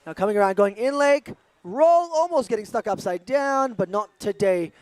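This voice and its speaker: A male sports commentator with a notably high voice, rattling off tricks in hyped, rapid play-by-play. He mixes banter and jokes in between the calls. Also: animated, no room sound.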